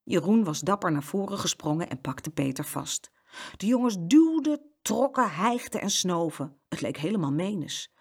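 A woman reading a children's story aloud as narrator, with expressive storytelling. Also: on the low side, moderate pace, few pauses, husky.

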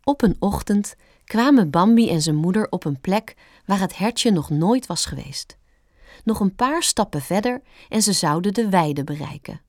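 A woman reading a children's storybook aloud, calm and gentle, with expressive turns. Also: medium pitch, normal speed, no room sound, clean studio sound. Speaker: narrator.

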